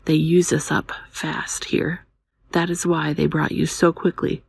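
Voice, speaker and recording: Woman quietly reading as a cynical, urgent man, breathy and hushed. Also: sits low, little pitch movement, measured pace, dry recording, whispered, studio quality, full character voice. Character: urgent, cynical young man warning a newcomer. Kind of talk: quiet ASMR audiobook dialogue.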